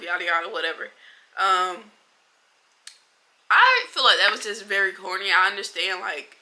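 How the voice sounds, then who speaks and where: Bright, chatty young woman vlogger. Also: medium pitch. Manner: animated, blunt and chatty, heavy slang. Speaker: book vlogger. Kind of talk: casual reading wrap-up chat.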